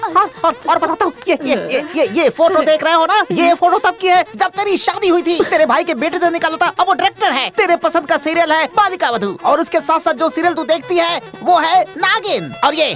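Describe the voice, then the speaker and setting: A shrill frantic suitor. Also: male voice, a little fast, hardly any pauses, fairly bright tone. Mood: rattling. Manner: rattles off long lists, frantic. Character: fussy male suitor from America. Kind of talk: Hindi film dub. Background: background music.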